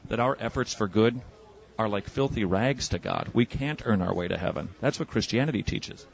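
Low-voiced man evangelizing outdoors, fast probing questions, muffled old radio recording. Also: vocal fry. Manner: probing, rapid-fire questioning. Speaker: street evangelist and radio host. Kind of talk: street debate. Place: outdoors on a city street.

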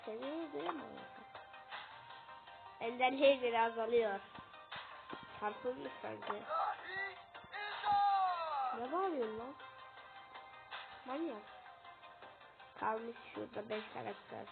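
A woman commentating her own gameplay, excitable and quick to yell and curse at her teammates. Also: fairly high pitch, creaky. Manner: excitable, yelling at teammates, cursing. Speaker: gamer. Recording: tinny phone-like sound. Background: loud game music.

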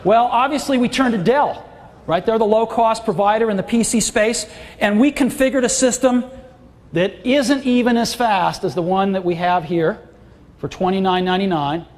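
A man's voice: high voice, moderate pace. A middle-aged man giving a product launch keynote on a large auditorium stage, with emphatic, enthusiastic salesmanship. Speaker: keynote presenter. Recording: long hall reverb, faint crowd.

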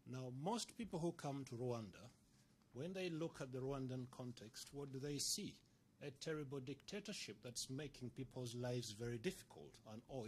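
A man from Uganda, a report author, answering at a panel discussion in a large conference room, earnest and argumentative, clearing his throat often. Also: mid-range voice, a little hiss or hum.

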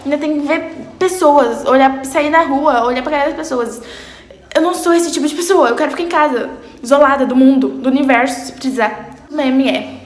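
A teenage girl chatting casually as she reacts to memes, playful and dramatic, jumping into high squeals. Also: a little fast, a little hiss or hum. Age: teens. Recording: roomy echo.

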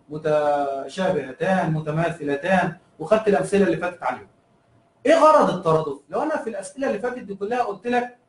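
Egyptian male teacher, high-pitched and quick, drills terms by repeating them, echoey room, off-mic. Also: darkish tone, distant mic. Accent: Egyptian Arabic. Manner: asks and answers his own questions, repeats key terms. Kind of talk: recorded review lesson.

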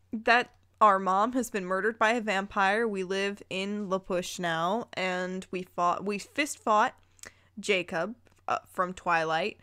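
Hosting a theatrical fan fiction reading, this woman pauses to react with playful incredulity. Her voice is mid-range and a bit bright.

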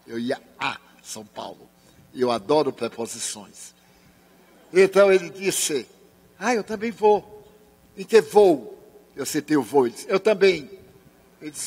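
A man's voice: on the high side, husky. An older man from Brazil, giving a spiritist seminar talk and telling stories, acting out the voices of people in them. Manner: expressive storyteller, acts out voices. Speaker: spiritist speaker. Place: large sports and culture center hall. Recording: long reverb of a large hall.

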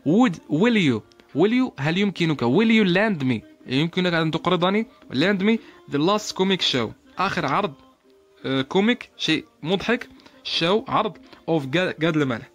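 Male English teacher with a higher-pitched voice; reads examples slowly, explains fast. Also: lively intonation, soft background music. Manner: switches between slow, carefully spoken English examples and quick explanations. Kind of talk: language lesson.

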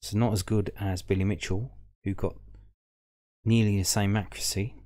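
A fan show host speaks in a fairly low, mellow voice with a level tone at a moderate pace. Thinking aloud as he reads, he gives casual commentary on the football match statistics shown on screen.

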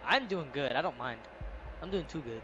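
A man's voice: fairly high pitch, expressive, normal speed, bright, forceful tone, dull audio. A young man chatting with friends on voice chat while gaming, boastful and teasing, swearing often. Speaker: gamer on voice chat. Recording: noisy voice chat.

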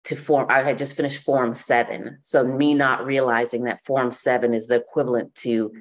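A woman, a podcast guest telling her life story in a relaxed way with many fillers. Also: extremely low pitch, moderate pace. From Bahamas. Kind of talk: podcast interview.

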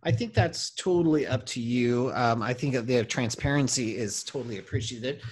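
Husky-voiced male host on a video call, encouraging, asks plain questions. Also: medium pitch, normal speed. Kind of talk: interviewing a guest on a video call.

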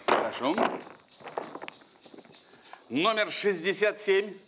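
A man's voice: high-pitched, expressive, very slow. A middle-aged man hosting a lottery game show, calling out drawn numbers formally like a bingo caller. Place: large TV studio with audience. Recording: noisy old TV studio broadcast.

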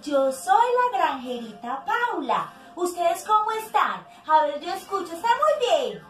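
A woman's voice: very high voice, sing-song, unhurried, far from the mic. A young woman, a preschool teacher leading a playful children's lesson with animal sounds, exclamatory and sing-song. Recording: echoey room, a bit off-mic, faint music.

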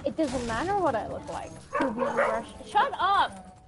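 A woman's voice: on the high side, animated, fairly quick, heavy background noise. A woman gamer in casual voice chat, snappy and bickering, breaking into giggles. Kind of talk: casual voice chat while gaming.

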